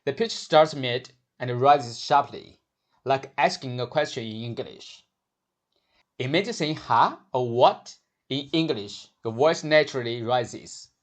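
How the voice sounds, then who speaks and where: A male teacher walks learners through Mandarin sounds in a calm, scripted lesson. His voice sits at an ordinary middle pitch. He models each syllable slowly and deliberately so it can be copied.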